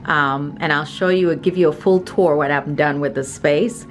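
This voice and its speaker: A woman's voice: low voice, fairly even intonation, moderate pace, slight background noise. A middle-aged woman narrating a casual vlog in a chatty, confiding way. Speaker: vlogger.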